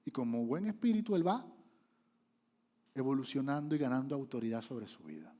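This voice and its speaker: A male pastor preaching a sermon, animated, with sudden loud rises and acted-out quotes. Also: mid-range voice, brisk.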